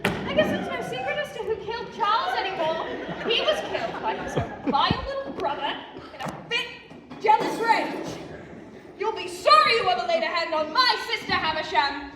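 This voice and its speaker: A woman's voice: extremely high pitch, lively intonation, moderate pace, a loud crowd, very noisy. A woman playing a bold, protective sister on stage. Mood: menacing. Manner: loud, declamatory theatrical delivery. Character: bold, protective older sister in a murder mystery. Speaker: student actor. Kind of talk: stage play acting. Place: large hall stage with audience. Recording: echoey hall from far off, loud audience.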